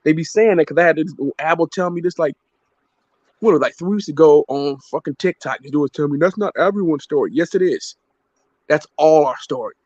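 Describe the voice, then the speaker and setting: Man, casual talk, blunt and insistent, slightly high voice, dry dull lo-fi recording. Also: fairly quick, a little mellow, no room sound. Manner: blunt, insistent, repeats himself. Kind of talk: casual chat.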